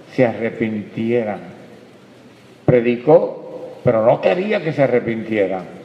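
A male pastor delivering a sermon, speaking emphatically and posing rhetorical questions to his congregation. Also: mid-range voice. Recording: echoey hall, dull lo-fi sound.

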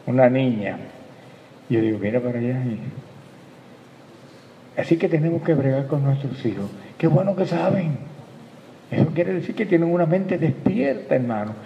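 A man preaching a sermon, calling his listeners brother and swinging from quiet reflection to loud, emphatic bursts. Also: on the high side, expressive, normal speed, creaky, a little hiss or hum. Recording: echoey hall, dull lo-fi sound, faint ambience.

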